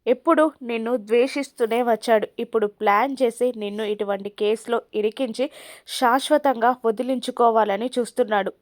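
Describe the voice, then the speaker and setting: An enraged father from a soap story, hammering out one accusing question after another, as a woman narrator reads his lines. The voice sits on the high side, and the recording is dry and close. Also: fairly even intonation, moderate pace, no room sound, close to an everyday voice. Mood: furious. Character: furious accusing father, middle-aged man.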